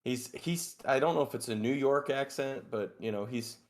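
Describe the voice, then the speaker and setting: A man's voice: mid-range voice, normal speed. A man co-hosting a podcast in laid-back casual chat, with slang. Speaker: podcast co-host.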